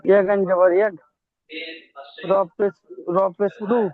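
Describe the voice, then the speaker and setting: A man's voice: high-pitched, little pitch movement, measured pace, dry recording. A male student reading and spelling out syllables hesitantly in an online recitation class. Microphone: video call. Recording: tinny phone-like call audio.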